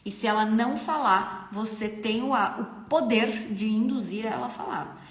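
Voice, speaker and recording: A woman's voice: fairly high pitch, normal speed. A young Brazilian woman with a Brazilian Portuguese accent, a makeup artist hosting a live stream and giving frank, chatty advice. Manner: chatty, frank, often asks "entendeu?". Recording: echoey room.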